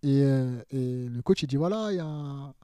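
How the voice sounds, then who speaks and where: A man in his thirties, a footballer guest on a podcast, telling anecdotes in an animated, casual way, mimicking voices and laughing often. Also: medium pitch, moderate pace, clear, resonant tone, no echo.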